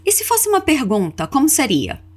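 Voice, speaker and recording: Her voice is high and fairly quick, with wildly swooping pitch. A woman with a Brazilian accent, she hosts a podcast and teaches a scripted language lesson with repeat-after-me drills, carefully enunciating example phrases in an instructive way.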